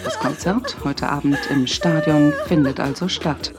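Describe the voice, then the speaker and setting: An actress playing a radio news announcer, heard from a small radio and reading in a brisk tone. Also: female voice, sits low, huge pitch swings, music in the background, heavily acted. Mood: upbeat.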